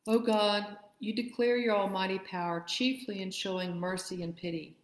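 A woman leading a church liturgy, reading prayers in a measured, steady way, with a roomy church echo. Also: mid-range voice. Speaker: worship leader. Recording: echoey room.

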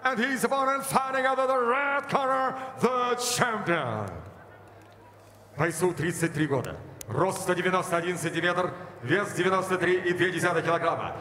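A middle-aged or older man working as an arena announcer, introducing fights formally and theatrically with drawn-out names and titles over a handheld microphone. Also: sharp tone, slight background noise. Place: boxing ring in a large indoor arena. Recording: booming echoey arena PA with long reverb.

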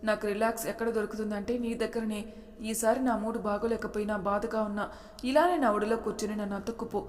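A bossy young husband who teases and orders his wife about, yet turns tender, as a woman narrator puts him on. The voice stays low-key and even. It rings with a long hall reverb. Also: quick pace, close to an everyday voice. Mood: teasing, commanding. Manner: teasing, commanding.

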